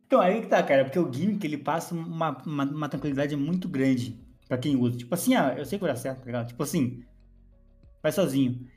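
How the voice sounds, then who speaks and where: A man's voice: on the high side, fast talker, darkish tone, soft background music. Young man bantering playfully. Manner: playful, mock-indignant banter. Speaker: podcast co-host. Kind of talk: casual chat.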